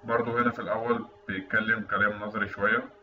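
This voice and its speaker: With a fairly low, nearly monotone voice, a fast-talking man with an Egyptian Arabic accent explains technical material as an instructor in a loose, chatty tutorial. Recorded from afar in a roomy space, the audio sounds dull and carries faint noise.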